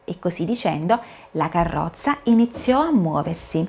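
Woman softly narrating a children's fairy tale. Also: fairly low pitch, moderate pace, creaky, breathy edge. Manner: soft, expressive storytelling. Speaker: storyteller.

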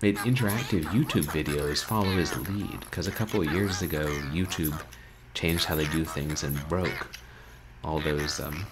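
A rumbling low voice at normal speed belongs to a video game streamer in his thirties, chatting casually with his livestream audience as a crowd sounds in the background. Wry, self-deprecating and wordy, he broadcasts from a small bedroom on a noisy home webcam stream.

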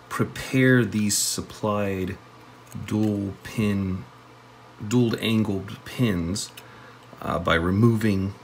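A man's voice: low voice, vocal fry, a little hiss or hum. A man casually talking through an electronics kit build at his workbench, thinking aloud with plenty of fillers. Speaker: electronics hobbyist host.

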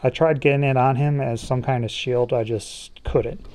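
A mellow, warm-toned man chats casually through a toy review, joking as he goes. He sounds relaxed and easy, describing each joint and piece while he handles the figure at a small studio table. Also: medium pitch, normal speed.

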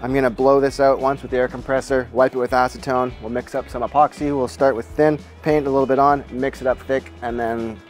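A man in his forties calmly explaining each step of a repair job while he works in a boat shed. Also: medium pitch, brisk, few pauses, faint music behind. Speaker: boat restorer. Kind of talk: how-to narration while working. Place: boat shed with timber frame, indoors.

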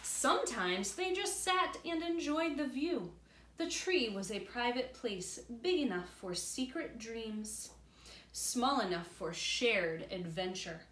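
Sitting by a glass door in a room at home, a middle-aged woman teaches young children by reading them a picture book and explaining it. Her somewhat high, slightly bright voice is animated, and she takes her time. A camera a few feet off picks her up with a roomy echo and faint background noise.

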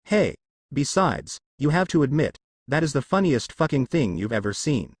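A man's voice: mid-range voice, sing-song, normal speed, husky, dry recording, clean studio sound. A man voicing a crude, mocking young male sharpshooter in a storybook reading.

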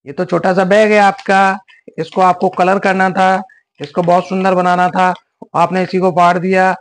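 A man's voice: high-pitched, flat delivery, moderate pace. A man hosting a kids' coloring lesson, talking in a soothing, coaxing, sing-song way to children. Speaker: children's drawing channel host. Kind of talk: acted skit and coloring lesson for kids.

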